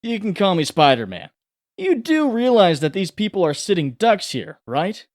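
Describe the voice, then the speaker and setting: A man's voice: high-pitched, big pitch swings, normal speed. A man voicing a wisecracking young superhero in a comic book dub, flippant but heroic. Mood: quippy. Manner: flippant, quippy.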